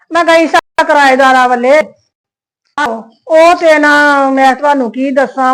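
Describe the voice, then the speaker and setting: A woman's voice: sits high, close to an everyday voice. A woman playing a domineering middle-aged landlady who scolds her tenants. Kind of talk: skit acting.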